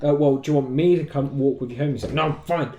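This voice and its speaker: A man's voice: mid-range voice, quick pace, a little mellow, dull audio. A young man telling a casual anecdote among friends, rambling, stopping and starting and repeating himself. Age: young adult. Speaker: podcast co-host. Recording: roomy echo, faint noise.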